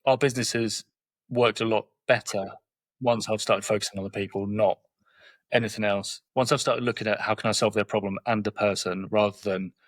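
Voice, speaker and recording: A man's voice: fairly low pitch, fairly even intonation, brisk, dry recording. A man in his forties with a southern English accent. He is a guest in a podcast interview, talking straight and telling stories with quoted exchanges. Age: 40s. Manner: straight-talking, tells anecdotes with quoted dialogue. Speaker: guest, property investor.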